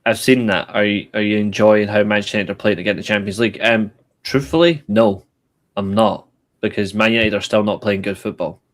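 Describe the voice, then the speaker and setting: This is a man in his late twenties with a lowish voice. He chats casually on a podcast, blunt and joking, and he swears freely. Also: steady tone, brisk. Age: 20s. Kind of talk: casual chat.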